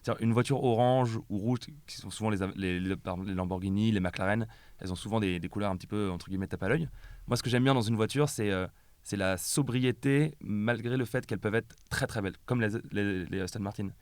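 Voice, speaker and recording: A man in casual chat, explaining his opinion in quick bursts with many restarts. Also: fairly low pitch, darkish tone, clean tone, no echo. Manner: fast, hesitant restarts, explains his taste.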